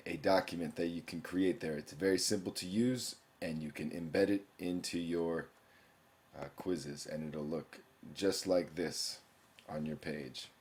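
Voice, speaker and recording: A young teacher narrates a screencast walkthrough of an online course, explaining each page and reading the questions aloud. His voice sits low and sounds mellow.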